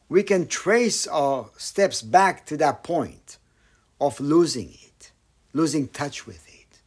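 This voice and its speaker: Slow, husky-voiced man giving a dharma talk. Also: on the high side. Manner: slow, pausing, with soft near-whispered phrases. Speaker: meditation teacher.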